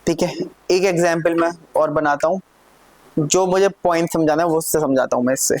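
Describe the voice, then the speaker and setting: A man teaching a live programming lesson, talking through code step by step and often asking his students whether it is clear. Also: fairly high pitch, brisk, darkish tone. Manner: checks in often with questions to students. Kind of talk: live classroom coding lesson.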